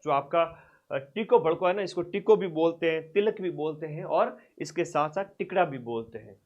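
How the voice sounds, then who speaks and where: Man repeating terms for dictation, dull audio. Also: lively intonation. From Rajasthan. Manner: repeats terms slowly for dictation, tells students to write; loudness and distance from mic vary a lot. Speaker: teacher. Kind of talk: exam-prep lecture. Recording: dull low-fidelity classroom recording.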